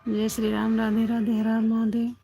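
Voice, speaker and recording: A woman's voice: fairly high pitch, completely flat delivery, normal speed, dark tone, slightly rough. A woman hosting a casual phone livestream, chatting with viewers and greeting them by name, often repeating short affirmations. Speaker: livestream host. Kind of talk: casual chat with live viewers.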